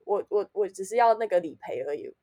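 A woman with a Taiwanese Mandarin accent telling a personal story in casual chat, animated, swinging between loud outbursts and low muttering. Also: fast. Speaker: podcast co-host.

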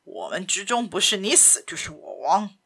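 A woman voicing an old father in a storybook reading, speaking in a faint, halting, pained whisper. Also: mid-range voice, huge pitch swings, gravelly, bright, forceful tone, slightly rough, full character voice. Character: old father, broken and pleading, male. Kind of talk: audiobook character voice.

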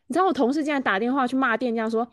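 A woman's voice: high voice, rapid-fire, dry recording, clean studio sound. A woman with a Taiwanese Mandarin accent, co-hosting a casual podcast and complaining in a chatty way. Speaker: podcast co-host. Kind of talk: casual chat.

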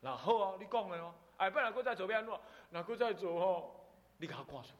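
A middle-aged Taiwanese abbot preaches with a Taiwanese Mandarin accent. His voice is high and very lively, full of rhetorical questions and quick laughs. The sound rings through a temple hall with a long reverb. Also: lo-fi sound. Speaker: Buddhist abbot giving a Dharma talk. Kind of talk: sermon.

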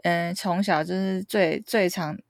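A woman's voice: fairly low pitch, steady tone, unhurried, vocal fry, dry recording, clean studio sound. A woman in her thirties from Keelung, Taiwan, speaking Taiwanese Mandarin and co-hosting a casual podcast chat, frank and blunt. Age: 30s. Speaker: podcast co-host. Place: home, recorded remotely.

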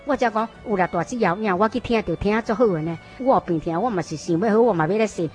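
A woman from Taiwan tells her personal story of coming to faith in a casual interview. She talks at a brisk clip in a mid-range voice and acts out what others said with lively shifts, while soft music plays underneath. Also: medium pitch. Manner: animated storyteller, often quoting others with a raised voice and laughing. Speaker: interview guest sharing her conversion story.

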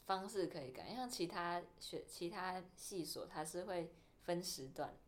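Low-voiced young woman co-host. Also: expressive, measured pace. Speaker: podcast co-host. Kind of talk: casual chat.

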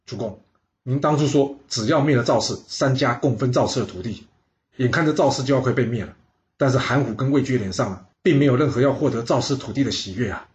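A man's voice: medium pitch, fast talker, a little mellow, dull audio, close to an everyday voice. A man voicing a cautious adviser who pleads earnestly with his lord. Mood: worried. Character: worried, cautious male adviser.

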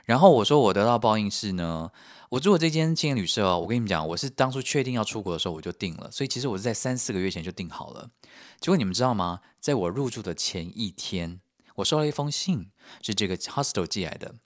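A man from Taiwan, telling a story in a joking, expressive vlog. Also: fairly low pitch, quick pace, no room sound, studio quality. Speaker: vlogger. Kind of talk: casual storytelling.

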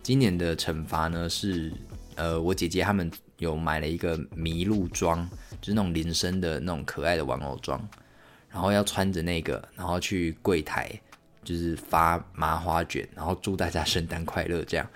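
A man's voice: fairly even intonation, normal speed. A young man chats through a solo podcast episode. He rambles, stumbles over his words and corrects himself as he goes. Faint music plays under his voice. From Taiwan. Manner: rambling, self-correcting, acts out family voices in high squeals. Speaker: podcast host. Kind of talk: casual solo podcast storytelling.

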